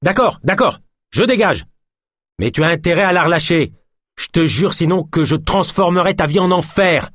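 A man's voice: medium pitch, brisk, no room sound, clean studio sound, voice pushed up, lightly acted. A man voicing a determined male investigator who gives firm, raised orders. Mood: commanding.

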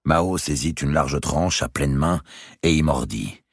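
Very deep gravelly male narrator. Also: a little slow, dry recording, studio quality. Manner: expressive, dramatic reading. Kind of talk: audiobook reading of a historical novel.

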